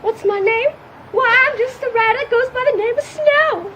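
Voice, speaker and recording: A man doing a squeaky timid girl rider. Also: normal speed, noisy background. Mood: pleading. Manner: squeaky, pleading. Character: timid young female rider, falsetto. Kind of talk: amateur play acting.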